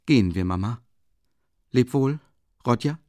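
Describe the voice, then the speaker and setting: A man's voice: medium pitch, expressive, a little slow, darkish tone, no echo, studio quality, voice pushed up, close to an everyday voice. A man reading the part of a proud young woman who speaks earnestly and with heat. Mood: gentle. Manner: earnest, heated.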